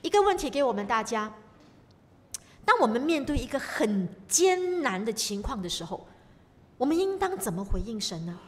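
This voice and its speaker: Woman preacher, animated and emphatic, asking the congregation questions; echoing hall. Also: fairly high pitch, normal speed. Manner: emphatic, full of rhetorical questions. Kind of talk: sermon. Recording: long reverb of a hall.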